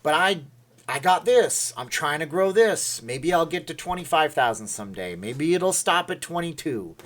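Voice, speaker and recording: A man's voice: on the high side, lively intonation, moderate pace. A man hosting a casual livestream, rambling and reading viewer comments aloud. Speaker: livestream host. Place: Las Vegas.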